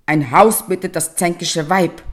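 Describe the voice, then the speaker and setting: Woman playing a timid old fisherman, meek, pleading, low, slow, fairy tale. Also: fairly even intonation.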